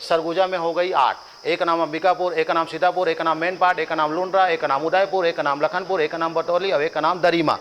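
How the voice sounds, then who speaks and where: A man's voice: on the high side, little pitch movement, fairly quick, few pauses, fairly bright tone, slight background noise, rough recording. A man with a Chhattisgarhi accent teaching a coaching class, drilling lists by rhythmic repetition with joking asides to students. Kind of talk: classroom lecture with chanted drills.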